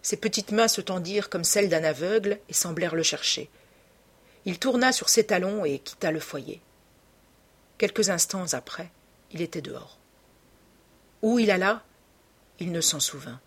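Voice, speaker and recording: A woman narrating a classic novel in a measured, hushed storytelling manner, with a husky voice. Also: lowish voice. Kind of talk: literary audiobook narration.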